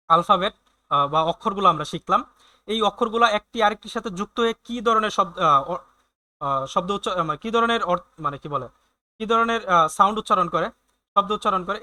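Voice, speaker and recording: A man's voice: high-pitched, bright, forceful tone. A man teaching a German lesson online, explaining letter sounds patiently with many hesitant fillers and restarts.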